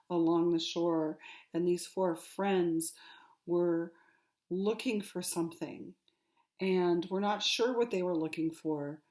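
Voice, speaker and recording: A young woman retelling a story she just heard, halting and careful, growing louder at the dramatic parts. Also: medium pitch. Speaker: student in a telephone game.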